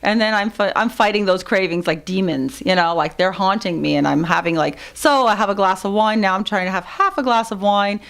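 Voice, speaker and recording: A woman's voice: mid-range voice, a little fast, vocal fry, hardly any pauses, fairly bright tone. A middle-aged woman co-hosting a podcast, chatting casually and tossing in joking asides. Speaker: podcast co-host. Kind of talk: casual chat.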